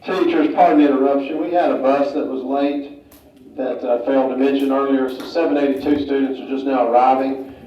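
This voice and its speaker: A man's voice: mid-range voice, steady tone, fairly quick, faint music behind. A man making a formal announcement to teachers over a school intercom, reading in a businesslike way with small fillers. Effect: school intercom announcement over a loudspeaker. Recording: dull, echoey loudspeaker heard from far off.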